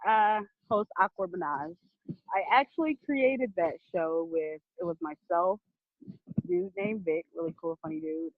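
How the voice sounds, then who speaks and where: Over a tinny, phone-like video or phone call, a woman guest with a lowish voice chats casually in an interview about her podcast. She speaks a little slowly, laughs often and swears freely, and the recording is dry.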